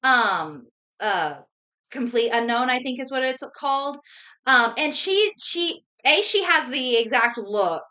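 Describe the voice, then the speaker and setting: A woman's voice: high-pitched, expressive, a little slow, bright, forceful tone. A young woman co-hosting a casual chat about recasting a movie, talking in a chatty, rambling way with many fillers. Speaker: podcast co-host.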